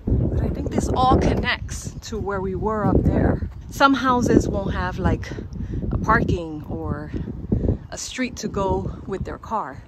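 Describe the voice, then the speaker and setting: A young woman casually narrating a walking tour while filming on a handheld phone outdoors, upbeat, chatty and playful. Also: medium pitch. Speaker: travel vlogger. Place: outdoors on town streets and stairs. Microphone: handheld phone camera on a selfie stick. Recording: loud outdoor noise, street and wind.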